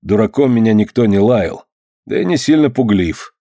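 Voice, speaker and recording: A man's voice: fairly low pitch, lively intonation, normal speed, mellow, no echo, studio quality. A man voicing a proud, indignant boyar lord. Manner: archaic, grave, indignant. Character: proud, angry middle-aged old-Russian boyar lord. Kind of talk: audiobook reading.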